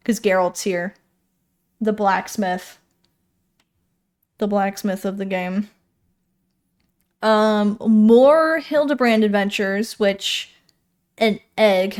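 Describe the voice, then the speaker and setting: A woman streaming, chatting her way through game patch notes. She talks at an unhurried pace and in a mid-range voice, rambling, trailing off and correcting herself as she thinks aloud. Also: mid-range voice, fairly even intonation, a little mellow, smooth. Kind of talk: casual stream chat reading patch notes.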